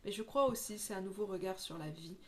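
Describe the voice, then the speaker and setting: A woman's voice: medium pitch, brisk. A woman who works as a medium, talking in a casual spiritual vlog, rambling earnestly with many restarts. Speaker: medium giving oracle card readings.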